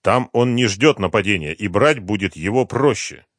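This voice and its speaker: A man's voice: fairly low pitch, expressive, normal speed, a bit bright, dry recording, clean studio sound. A man doing a hard, terse colonel. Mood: calm. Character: cold, calculating male colonel on the run.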